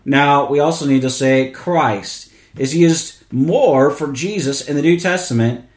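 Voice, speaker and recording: A man hosting a podcast, earnestly explaining a theology question with frequent restarts. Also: a little high. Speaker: podcast host. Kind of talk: theology teaching monologue. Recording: echoey room.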